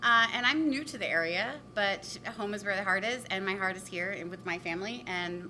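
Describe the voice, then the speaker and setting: A woman who co-owns a bakery, talking in a warm, chatty way in an interview inside her shop. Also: a little fast, rough recording. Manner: warm and chatty, laughs easily. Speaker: bakery co-owner. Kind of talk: casual interview. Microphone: handheld reporter mic. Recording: noticeable background rumble.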